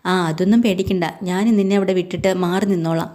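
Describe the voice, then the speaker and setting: Brief: protective young man, played by a woman narrator, reassuring and inquisitive, mellow tone. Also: lowish voice, fairly even intonation, brisk, natural voice. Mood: reassuring, curious. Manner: questioning, reassuring.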